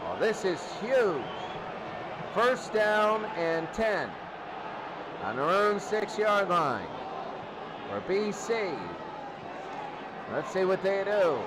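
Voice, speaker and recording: This football play-by-play man gives live commentary and recaps using short, clipped, repetitive lines, his voice sitting high with big pitch swings. He takes it slowly, with long pauses. A loud stadium crowd roars in the background of the noisy recording.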